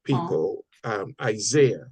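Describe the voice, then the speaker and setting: A man leading a church Bible study group, talking in a halting way with many fillers and repeated words. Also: fairly low pitch, very animated, darkish tone, husky, no echo. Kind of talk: casual group discussion. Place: church meeting room.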